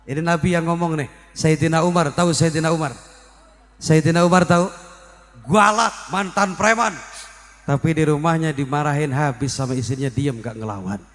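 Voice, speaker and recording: A man's voice: fairly high pitch, moderate pace, a bit bright. A man preaching a comic religious sermon, teasing the crowd with questions. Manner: joking, teasing the audience with questions. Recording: reverberant hall, faint music.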